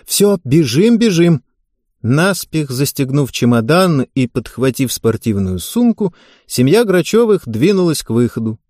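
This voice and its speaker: A man narrates an audiobook in an expressive storytelling manner, with a medium-pitched voice at a moderate pace. The recording is dry and studio quality.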